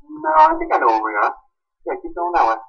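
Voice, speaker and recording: A man with a husky, bright-toned voice trades laid-back, dry remarks during co-op gameplay. His voice comes through a dull, lo-fi microphone. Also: a little high, wildly swooping pitch, fast talker. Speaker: guest co-player. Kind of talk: casual gameplay chat.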